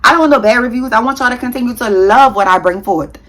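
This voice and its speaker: A woman in her thirties, a nurse, chatting casually to her viewers in a vlog, talking fast with a heavy tongue and sometimes tripping over words. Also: on the high side, fairly bright tone. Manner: frank, slangy, addresses viewers as y'all. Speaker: nurse and content creator.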